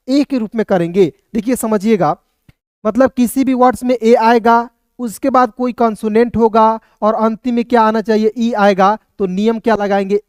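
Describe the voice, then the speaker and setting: A man's voice: very high voice, darkish tone, clean tone, dry recording, clean studio sound. A man teaching a casual spoken lesson, constantly calling listeners friends, asking and answering his own questions, and checking often that they understood. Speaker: English teacher.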